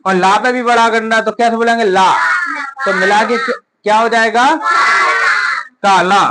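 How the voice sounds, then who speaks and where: In a coaching classroom, a woman teacher drills children on Hindi vowel signs in a phonics lesson, asking questions and answering them herself. Her fairly high voice is steady and brisk, against a loud crowd and very noisy conditions.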